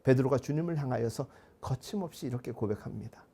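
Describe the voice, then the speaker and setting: A male pastor giving a sermon in a measured, earnest manner, asking his congregation rhetorical questions. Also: mid-range voice, gravelly, dark tone, slightly rough.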